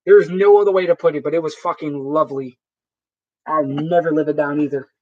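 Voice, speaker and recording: A man's voice: fairly high pitch, steady tone, brisk. A man hosting a live stream in casual chat, rambling and swearing freely, often restarting his sentences. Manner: rambling, profane, with frequent restarts. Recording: dull lo-fi sound.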